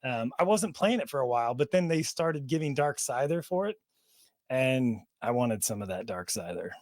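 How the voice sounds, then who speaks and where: A man's voice: medium pitch, lively intonation, moderate pace, darkish tone, dry recording. A man hosting a fan podcast in casual, rambling chat full of fillers, who laughs easily while showing the audience around an online community. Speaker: podcast host. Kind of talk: casual chat while touring a chat server on screen.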